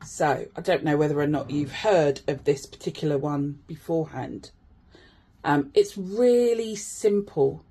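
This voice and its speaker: A woman's voice: sits low, unhurried, warm tone, breathy edge. A woman coach talking informally to her followers, chatty and given to self-deprecating asides. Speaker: wellbeing coach and host. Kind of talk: informal video chat to followers.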